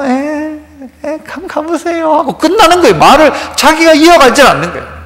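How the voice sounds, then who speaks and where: A man's voice: extremely high pitch, a bit bright, in a large hall. A man with a Gyeongsang Korean accent, a pastor preaching a sermon in a church, who acts out everyday dialogues in a casual voice. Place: church sanctuary.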